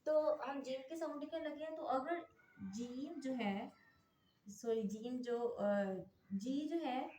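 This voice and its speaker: A woman's voice: a little high, mellow. Patient woman teacher in an echoey room. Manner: patient, repeats checks like "okay?" often. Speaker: English phonics teacher. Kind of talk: classroom-style lesson explanation. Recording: echoey room, faint noise.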